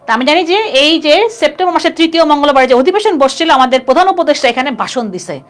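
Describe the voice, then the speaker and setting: A woman's voice: high-pitched, lively intonation, quick pace. A woman teaching a live online class, chatty and constantly quizzing her students. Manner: chatty, keeps asking students questions.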